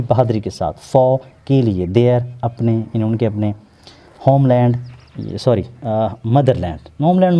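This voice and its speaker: A man with a Pakistani accent, working as an English teacher and explaining a textbook lesson slowly, word by word, repeating terms to drill pronunciation. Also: mid-range voice, dull audio. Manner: slow word-by-word translating, repeats words for pronunciation.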